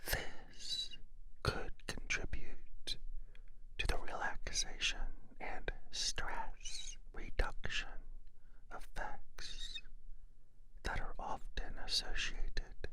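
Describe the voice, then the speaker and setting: A narrator giving a scripted ASMR explainer in a breathy, unvoiced whisper, in short phrases with pauses between them. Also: sharp tone.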